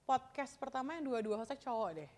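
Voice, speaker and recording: A woman guest on a podcast, chatting casually and telling stories in a chatty, animated way. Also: high-pitched, brisk. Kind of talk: casual chat.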